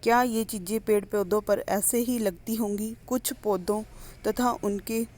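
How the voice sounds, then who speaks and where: A woman teacher, reading a primary school lesson aloud slowly and clearly, pausing between the items of each list. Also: medium pitch, fairly even intonation, a little mellow. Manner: slow, clear classroom reading with list-like pauses.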